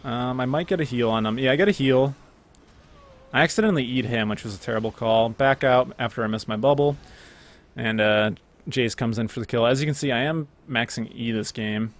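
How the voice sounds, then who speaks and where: Speaking briskly in a mid-range voice, a young man gives easygoing commentary over his own gameplay, chatty and full of fillers and self-corrections.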